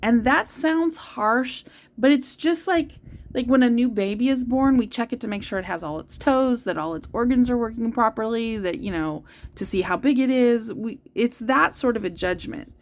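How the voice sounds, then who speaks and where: A woman's voice: on the high side, animated, normal speed. A woman giving a heartfelt tarot reading, talking earnestly and directly to her listeners. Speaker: tarot reader. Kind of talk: spiritual tarot reading to viewers.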